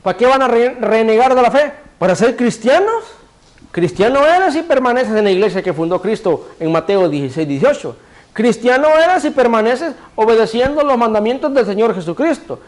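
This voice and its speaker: Male preacher, high voice, sermon delivery, rhetorical questions answered himself, cues a reader to repeat verses. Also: very animated, normal speed. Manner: asks the congregation rhetorical questions and answers them; directs a reader to repeat scripture phrases.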